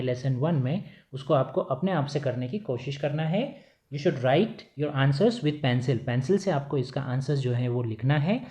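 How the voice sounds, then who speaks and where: A male teacher giving a recorded grammar lesson, repeating key points as questions to his pupils and slowing down to dictate definitions. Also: on the high side, dark tone. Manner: switches to slow, dictated English for definitions.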